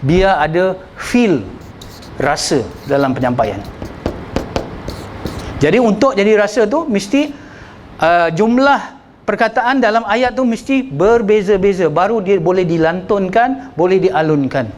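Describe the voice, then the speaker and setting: A man's voice: high voice, lively intonation, unhurried, a little mellow, a little hiss or hum, rough recording. A man with a Malaysian Malay accent giving a workshop lecture as a religious teacher, conversational, acting out examples and often checking in with "ya". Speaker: religious teacher leading a sermon-writing workshop.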